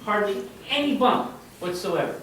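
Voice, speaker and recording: A man's voice: high-pitched, expressive, moderate pace, background noise. A man giving a live history presentation to an audience, chatty and constantly checking in with his listeners. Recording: echoey room, voice from far off.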